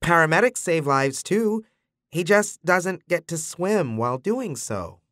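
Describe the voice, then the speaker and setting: A man's voice: a little high, animated, unhurried, a bit bright, no room sound, clean studio sound, pitched above the performer's own voice. A man narrating an audiobook voices a shaky, sniffling young man pleading with his father. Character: tearful young man, emotional adopted son.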